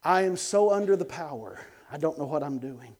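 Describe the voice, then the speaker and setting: A middle-aged man, a guest evangelist, telling an animated testimony on a TV show, dropping to hushed tones and bursting out loud with chuckles. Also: normal speed. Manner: swings between hushed low tones and loud excited outbursts, chuckling.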